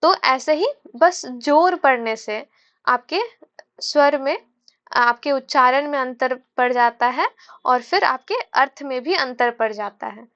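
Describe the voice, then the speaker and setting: A woman's voice: high-pitched, lively intonation, takes it slowly, fairly bright tone. A woman teaching a grammar lesson, explaining step by step with frequent fillers and check-ins with the listener. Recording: dull lo-fi recording.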